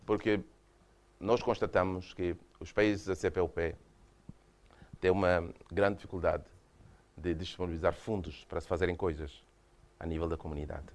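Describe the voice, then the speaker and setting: In a lecture hall, a Mozambican guest lecturer with a Mozambican Portuguese accent gives a university talk using slides. His low voice has little pitch movement and a moderate pace, with frequent pauses, hesitations, and restarts.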